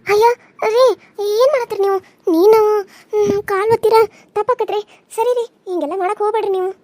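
A woman's voice: extremely high pitch, steady tone, quick pace, a little mellow, no room sound. A woman voicing a timid young village wife in a cartoon serial, pleading and whiny, with a North Karnataka accent. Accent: North Karnataka Kannada.

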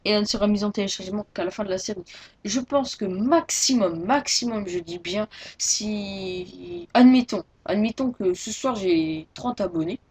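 A woman's voice: medium pitch, moderate pace, a little mellow, breathy edge. A teenage girl making a casual video announcement as a gaming YouTuber, rambling and hesitant with many restarts. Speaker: Minecraft YouTuber.

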